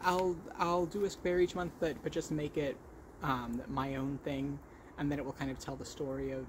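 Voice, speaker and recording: A man with a higher voice hosts a vlog showing his crochet work, chatting casually in a podcast style. He stutters with repeated sounds and blocks, speaks haltingly and corrects himself, keeping a level tone against background noise.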